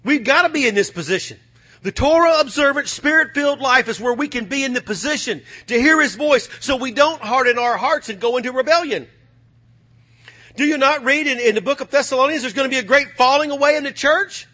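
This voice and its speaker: A man preaching a sermon, swinging from low, quiet passages to shouted, fiery calls to the congregation. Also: brisk.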